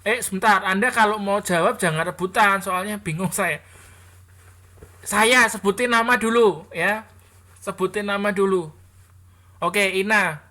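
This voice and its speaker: Woman, classroom teacher; bright tone, chatty, corrects students with frequent restarts. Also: mid-range voice, a little slow, pauses often. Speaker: English teacher.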